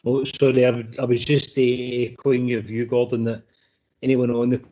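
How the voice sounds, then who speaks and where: A man's voice: medium pitch, monotone, normal speed, warm tone. Scottish man on a breaking-up call. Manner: hesitant, repeating words. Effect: video call audio breaking up. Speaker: regional director. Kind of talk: casual remarks on a video call. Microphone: video call.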